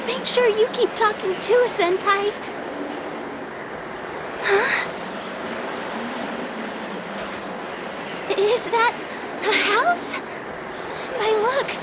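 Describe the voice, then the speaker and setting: A woman voicing a shy, gentle teenage schoolgirl in a video game, speaking softly and earnestly. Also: very high voice, slow pace, pauses often, heavy background noise. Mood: anxious. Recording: game audio with background music.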